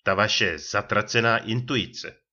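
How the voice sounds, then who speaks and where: A man's voice: fairly low pitch, sharp tone, dull audio. A man voicing an indignant, exasperated police first lieutenant who scolds in rising tones. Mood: ironic.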